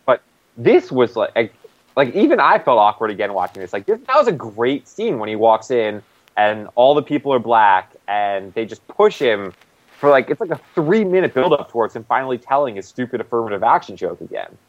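Man, casual recap chat, animated pitch, rambling with fillers, dry dull-sounding recording. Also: fairly quick, dry recording. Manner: loose and rambling, many "like" fillers. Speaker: podcast co-host.

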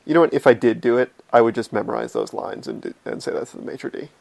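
A man with a gravelly, fry-tinged voice chats about a TV episode. He makes dry, wry remarks at an easy conversational pace. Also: medium pitch, quick pace, a little mellow. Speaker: podcast co-host. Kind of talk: casual TV recap chat.

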